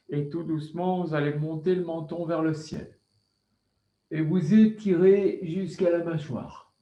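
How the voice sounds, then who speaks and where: A man with a French accent guiding a yoga class over a video call, giving slow, calm breathing cues. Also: a little high, dull audio. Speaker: yoga teacher.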